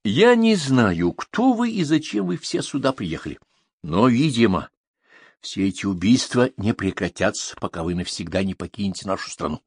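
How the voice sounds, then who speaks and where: A man's voice: on the low side, big pitch swings, moderate pace, slightly rough, no room sound, clean studio sound, exaggerated voice. A man reading an audiobook, voicing a brusque, impatient male police commissar. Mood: curt commanding. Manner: brusque, commanding.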